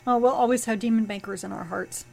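A woman's voice: fairly high pitch, steady tone, fast talker, gravelly, soft background music. A woman co-hosting a casual comics podcast, rambling through plot recaps with fillers and restarts. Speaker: podcast co-host.

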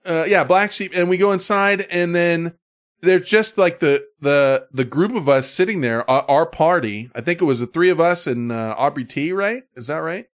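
A man's voice: fairly high pitch, normal speed. A middle-aged man hosting a podcast, chatting casually in a rambling, profane way. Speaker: podcast host. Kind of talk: casual chat.

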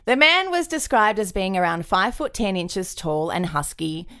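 A woman's voice: mid-range voice, lively intonation, moderate pace, sharp tone, clear, resonant tone, no room sound, studio quality. A woman podcast co-host, reading comic stories in a playful, giggly way. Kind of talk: comedic story reading.

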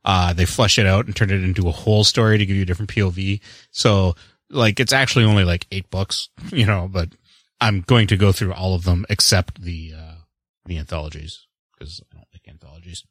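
A podcast co-host chats casually about movies and books, rambling along in a wry, self-deprecating way. His voice is low and fairly quick, with no room sound.

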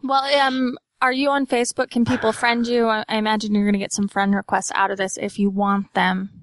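A woman's voice: medium pitch, flat delivery, fairly quick, dry recording. A woman with a Utah accent hosting a podcast interview in a casual, conversational way.

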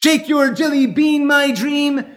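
A man's voice: very high-pitched, fairly even intonation, slow. A man voicing a dopey, cheerful cartoon moose who grandly recites poetry in a goofy voice for a radio-style comedy sketch. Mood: crooning recital. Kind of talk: old-time radio variety sketch.

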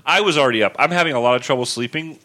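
Man, podcast co-host, bright tone, rambling casual chat. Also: mid-range voice, very fast. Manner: rambling, laughs while telling stories.

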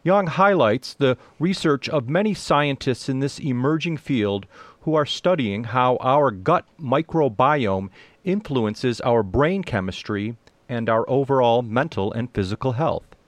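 Male science show co-host, very animated intonation, scripted links, dry studio sound. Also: mid-range voice, measured pace, no room sound. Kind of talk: scripted narration introducing a feature.

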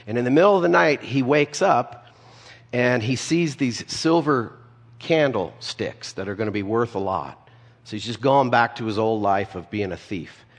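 A man's voice: medium pitch, expressive, normal speed. A man preaching a conversational sermon, telling stories with casual asides. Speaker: pastor. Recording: long hall reverb.

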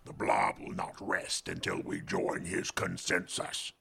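A man voicing a grave, patient, wise otherworldly sage in a cartoon, gravelly and husky, with a measured, solemn manner. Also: low-pitched, little pitch movement, fairly bright tone, full character voice.

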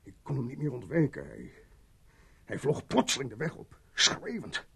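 Scared suspect, gravelly and husky, stammers, dubbed film. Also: male voice, mid-range voice, huge pitch swings, normal speed, pushed and bright, full character voice. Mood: frightened. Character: shaken man hiding a fatal accident.

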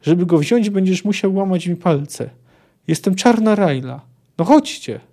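A man reading aloud as a fierce, battle-hardened woman mercenary who shouts in defiance. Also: fairly high pitch, big pitch swings, normal speed. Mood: defiant.

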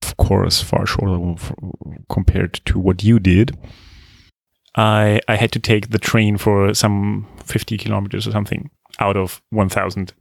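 A man interviewing a guest, asking halting questions with frequent restarts. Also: lowish voice, little pitch movement, gravelly, no room sound, studio quality. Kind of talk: conversational interview.

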